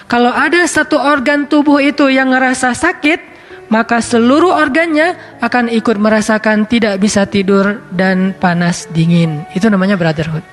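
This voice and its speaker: A man's voice: extremely high pitch, normal speed, fairly bright tone. A male preacher giving a casual, chatty sermon, talking conversationally and now and then reciting scripture.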